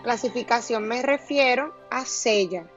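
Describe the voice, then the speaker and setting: A woman teacher giving a recorded grammar lesson, stressing each syllable slowly and deliberately. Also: a little high, muffled recording, faint music behind.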